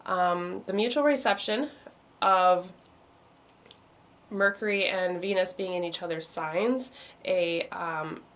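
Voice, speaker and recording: A meditation host wanders through the week's astrology in casual talk, stopping on ums and restarting her sentences again and again. Her lowish, somewhat bright voice is a little hoarse, as if she's losing it, and she sounds like she's speaking into a computer on a video call.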